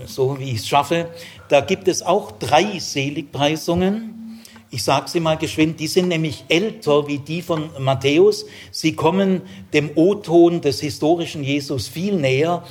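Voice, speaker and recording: Guy explaining bible verses, slightly husky, keeps checking in with listeners. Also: fairly high pitch. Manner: explanatory, frequent "gell?" tags and hesitations. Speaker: preacher or lecturer on scripture. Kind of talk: spoken Bible teaching.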